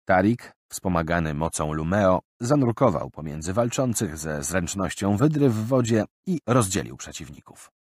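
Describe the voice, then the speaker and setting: A man reading an audiobook aloud in an expressive, varied manner. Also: low voice, moderate pace, few pauses, slightly rough, no room sound, studio quality. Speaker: audiobook narrator. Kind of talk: scripted narration.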